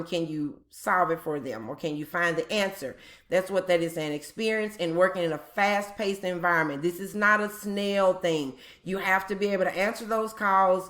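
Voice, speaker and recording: A woman's voice: lowish voice, fairly bright tone. A woman hosting a job-tips video, explaining in a casual, chatty way with frequent ums and repeated points. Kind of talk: casual explainer talk to viewers.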